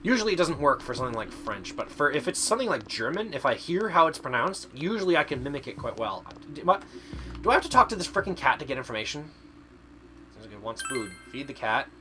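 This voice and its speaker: A man's voice: medium pitch, very animated, quick pace, pushed and bright, soft background music. A man from Canada doing live game stream commentary, chatting away and playfully arguing with his chat as he reads it aloud.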